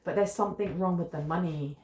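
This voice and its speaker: A British woman reads tarot casually to camera at a fairly quick pace, her fairly low voice meandering and musing with fillers. The camera is close in front, and the audio is very noisy and echoey.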